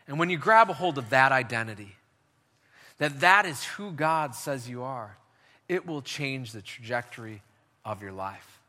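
A man delivers a sermon with a strikingly bright, forceful tone. He preaches emphatically and leads his listeners in call and response. His voice carries a long reverb, as in a large hall. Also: medium pitch. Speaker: pastor.

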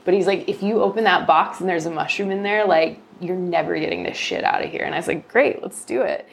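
A woman's voice: on the low side, fairly even intonation, quick pace, creaky, a little hiss or hum. A young woman who grows mushrooms, telling a story in casual chat and acting out quoted exchanges, with some swearing. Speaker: mushroom grower, guest.

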